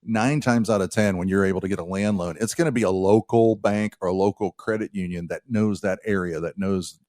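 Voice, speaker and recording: A man with a fairly low voice hosts a live radio show, talking through home loans in a relaxed and joking way. He restarts his sentences often. His voice sounds close and dry in the studio. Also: fairly quick, dry recording. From United States. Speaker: radio show host, mortgage lender. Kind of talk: casual radio talk. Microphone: studio microphone.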